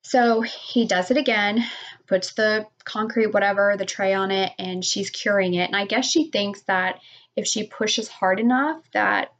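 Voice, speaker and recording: A woman's voice: medium pitch, muffled recording. A middle-aged woman telling a story in a casual vlog, rambling and saying "like" a lot. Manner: rambling, heavy use of "like", animated retelling. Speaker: vlogger.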